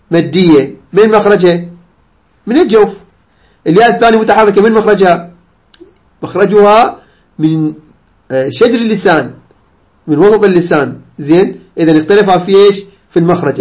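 Man, high voice, recitation teacher, unwell and strained, slow patient repetition, dull muffled recording. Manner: patient, repeats examples slowly and corrects errors. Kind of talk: recorded tajweed lesson.

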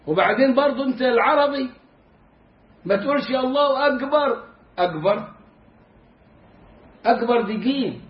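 A man's voice: extremely high pitch, roomy sound, dull audio. A man with an Egyptian Arabic accent teaching a religious lesson, joking and stretching out words to show how they are pronounced. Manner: humorous, demonstrative, drawing out words to teach pronunciation. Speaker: Islamic jurisprudence teacher.

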